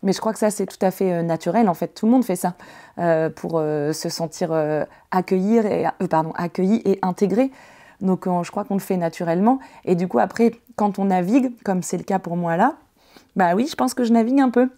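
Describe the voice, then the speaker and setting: A French woman in her thirties from the north of the country chats casually as a podcast guest in an interview. Her mellow, medium-pitched voice runs a little fast, and she sounds hesitant, full of fillers and restarts.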